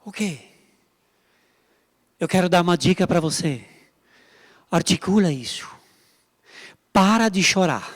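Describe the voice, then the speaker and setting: A man's voice: sits high, expressive, a little slow, pauses often, big-room sound. A male pastor, preaching a sermon emphatically, repeating lines and appealing directly to the congregation. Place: church service.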